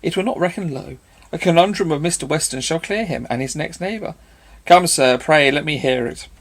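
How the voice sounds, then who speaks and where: A man voicing a clever young woman in an audiobook reading, quick and lightly mocking. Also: a little high, voice pushed up. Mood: bright.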